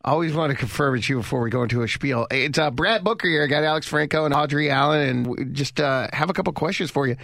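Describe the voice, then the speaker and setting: A man hosting morning radio, his voice a little high and gravelly with fry. He talks in easy, teasing banter, recorded dry and close in the studio. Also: fast, few pauses, a bit bright, no echo. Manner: chatty, laughing, teasing. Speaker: radio show host.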